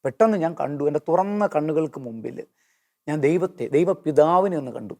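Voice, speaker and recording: A man giving an earnest personal testimony in an interview, slowing down when he quotes hymn lines. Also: on the high side, animated, gravelly, a little mellow.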